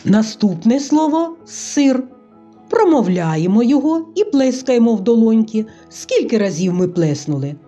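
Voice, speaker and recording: A woman teaching a scripted phonics lesson to young children, speaking slowly and patiently. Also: on the high side, very animated, dark tone. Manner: slow, patient, sing-song teaching to small children. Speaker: kindergarten teacher. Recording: dull lo-fi recording with faint music.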